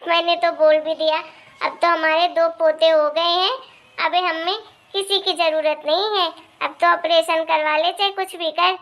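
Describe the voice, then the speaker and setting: A woman's voice: very high-pitched, little pitch movement, measured pace, a bit bright, heavily acted. A woman voicing a meddling young married neighbor who gossips and gives pushy advice. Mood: boastful.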